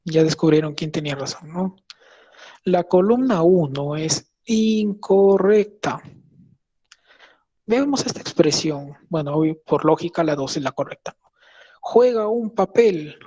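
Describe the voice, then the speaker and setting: A man's voice: on the high side, measured pace, mellow, highs cut off. A young man, a medical intern, giving a conversational lecture and explaining patiently while often checking in with his listeners.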